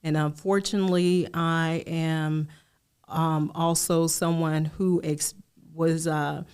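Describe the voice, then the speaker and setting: A middle-aged woman shares her story as a podcast guest, taking her time over each phrase. Her voice sits somewhat low and comes through smooth and clear, in a measured, open manner. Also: flat delivery, darkish tone. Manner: slow, measured, candid. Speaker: guest, life coach. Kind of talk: podcast interview.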